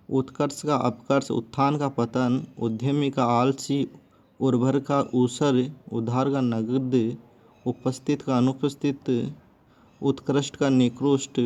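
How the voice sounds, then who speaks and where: A man's voice: mid-range voice, a little mellow. A man teaching a grammar lesson, steadily listing word pairs one after another. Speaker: Hindi teacher. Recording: dull lo-fi recording.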